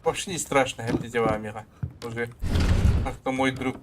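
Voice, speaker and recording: A man's voice: mid-range voice, steady tone, fairly quick, heavy background noise. A man doing casual horror let's-play commentary, nervous and jumpy, muttering and swearing to himself as he reacts to the game.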